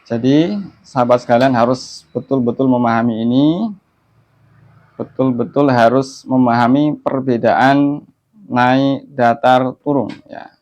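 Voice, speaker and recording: A man teaching Quran recitation online, explaining patient steps and then chanting verses slowly in a melodic tone. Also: medium pitch, steady tone, darkish tone. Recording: dull lo-fi audio.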